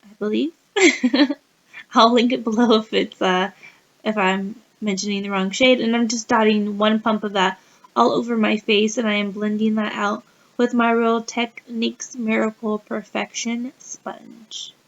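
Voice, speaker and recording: A woman's voice: a little high, steady tone, a little slow. A woman with a sick-sounding voice, chatting through a casual makeup tutorial as a beauty vlogger and laughing often mid-sentence. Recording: dull, slightly muffled lo-fi recording.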